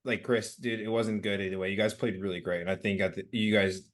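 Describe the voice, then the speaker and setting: A man's voice: lowish voice, little pitch movement, fast talker. A man co-hosting a casual sports podcast, rambling loosely and swearing often. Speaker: podcast co-host.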